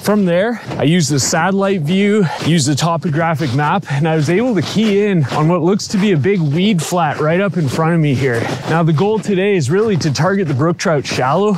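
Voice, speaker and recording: A man in his thirties from Ontario, Canada, hosts an upbeat, chatty fishing vlog, recorded on a camera mic out on a frozen lake and inside a small tent. His voice is on the high side, with noisy background.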